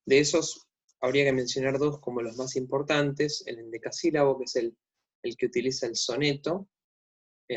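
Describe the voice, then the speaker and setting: A man with an Argentine accent giving a recorded literature lecture, with many fillers and restarts. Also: medium pitch. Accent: Argentine Spanish. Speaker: literature teacher. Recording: dull lo-fi sound.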